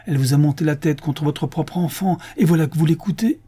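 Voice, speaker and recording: A man's voice: medium pitch, lively intonation, normal speed, dark tone, pitched above the performer's own voice, lightly acted. A man reading the part of a domineering older grandmother, speaking vehemently. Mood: furious. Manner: vehement, raging.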